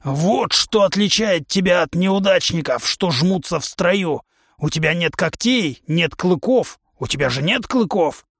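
A man's voice: high-pitched, expressive, unhurried, creaky, fairly bright tone, slightly rough, no echo, studio quality, pitched above the performer's own voice, exaggerated voice. A man voicing a huge, hot-tempered male musk-ox humanoid who trains fighters with a club, in a blustering drill-sergeant manner. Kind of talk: audiobook character voice.

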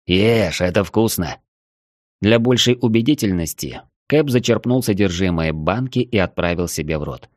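A man reading an audiobook in a measured, even storytelling manner. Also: low-pitched, no echo, studio quality. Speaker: audiobook reader. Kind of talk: audiobook narration.

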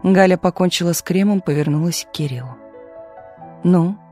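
An audiobook narrator reading a novel in an even, measured storytelling manner. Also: mid-range voice, faint music behind. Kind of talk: scripted narration.

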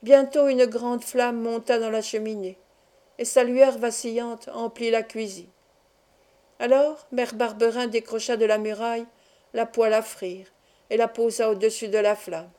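A woman reading a classic novel aloud as an audiobook, in steady, measured storytelling. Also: a little high. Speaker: audiobook reader. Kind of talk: scripted narration of a novel.

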